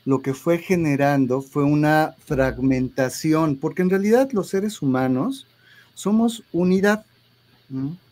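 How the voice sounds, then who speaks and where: A man's voice: on the high side, darkish tone. A man, a therapist guest in an interview, explaining ideas with hesitant restarts and frequent tag questions.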